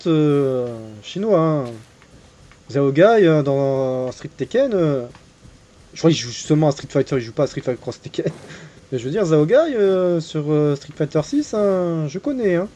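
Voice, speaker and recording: A young man streams a game and talks to his viewers in a relaxed, joking way, with crude language. His voice sits a bit higher than most men's. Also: moderate pace. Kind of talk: casual live game commentary.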